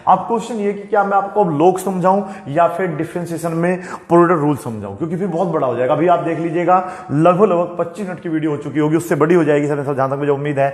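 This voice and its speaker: A man's voice: on the high side, fast, few pauses, a little mellow. A man teaching a maths lesson, patient and repetitive, often checking in with his students. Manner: patient, repeats "okay, beta" to students. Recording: echoey room with long reverb.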